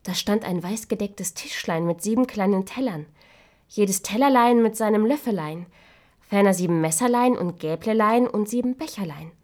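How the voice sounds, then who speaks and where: A woman reading a fairy tale aloud as narrator, in a measured voice that softens to a hush at times. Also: medium pitch.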